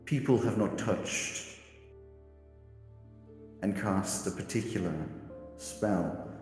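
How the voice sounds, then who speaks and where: A man voicing a mysterious otherworldly female being through an echoey voice changer, speaking slowly and solemnly. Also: deep voice, warm tone. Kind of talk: game master voicing a character in a tabletop game.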